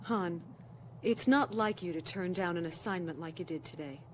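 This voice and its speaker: Princess Leia, earnest low-voiced wife played by a woman. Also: normal speed, slight background noise, natural voice. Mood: concerned. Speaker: actor in an audio drama. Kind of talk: dramatic radio-play acting. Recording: loud music bed behind the voice.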